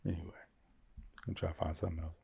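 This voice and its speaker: Male host, very low gravelly voice, loose unscripted commentary. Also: little pitch movement, fast, mellow. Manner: thinks aloud, rambling with restarts. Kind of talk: casual commentary on reader posts.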